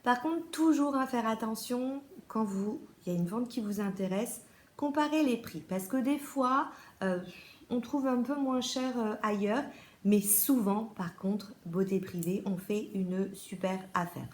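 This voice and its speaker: A woman's voice: fairly high pitch, unhurried, echoey room, slight background noise. A French-accented woman chatting casually through a beauty haul as a vlogger, with many fillers and restarts.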